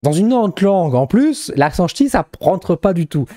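A young man from northern France with a Ch'ti accent talks casually to his viewers, hesitant and full of restarts. His voice sits a little high and sounds mellow. The recording is close and dry. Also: sing-song, moderate pace, dry recording. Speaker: vlogger. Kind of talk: casual vlog.

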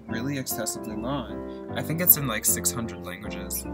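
A man in his twenties rambling in a goofy, mock-dramatic comic monologue from his parked car, recorded on a laptop. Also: medium pitch. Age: 20s. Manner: goofy, mock-dramatic, jumps between silly voices. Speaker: vlogger. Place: parked car in a parking lot. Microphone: laptop mic.

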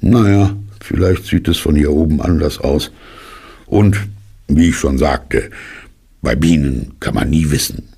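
A man voicing a naive, thoughtful, honey-loving male bear in an audiobook, musing slowly and earnestly. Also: very deep voice, warm tone, full character voice. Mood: worried. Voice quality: gravelly, husky. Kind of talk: audiobook character reading.

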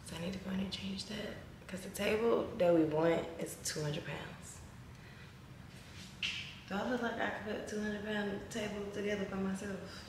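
A woman in her twenties from Texas, chatting casually to camera in a slangy, lively vlog. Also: mid-range voice, moderate pace, background noise. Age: 20s. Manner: chatty, animated, uses slang. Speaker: vlogger. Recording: echoey room, recorded from a distance.

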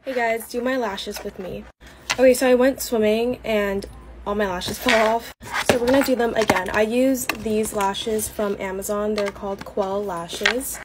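A woman's voice: mid-range voice, steady tone, unhurried, noisy background. Chatty teen girl doing a makeup vlog. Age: late teens. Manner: chatty, casual, filler-heavy. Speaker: beauty vlogger. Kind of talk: get-ready-with-me vlog chat.

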